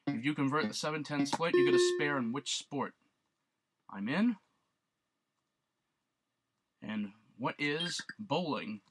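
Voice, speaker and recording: A man's voice: medium pitch, slow pace, long pauses, heavy background noise. A man casually commenting on a retro quiz game, reading the clues aloud and joking about his guesses. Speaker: let's play gamer. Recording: loud chiptune game music behind voice. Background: beeping retro game music.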